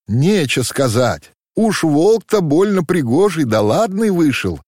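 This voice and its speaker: A man voicing a bold, mocking young servant girl with a quick, teasing folksy way of talking in a storybook reading. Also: mid-range voice, very animated, a little mellow, no echo, clean studio sound, pitched above the performer's own voice.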